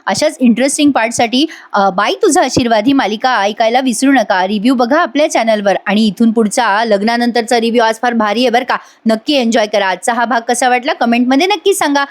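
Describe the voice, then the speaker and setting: A woman narrates a TV serial episode in a chatty, animated voice-over. Her voice sits a little high and she keeps the retelling lively. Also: brisk, few pauses. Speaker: TV serial reviewer. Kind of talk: casual voice-over episode recap. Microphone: voice-over mic.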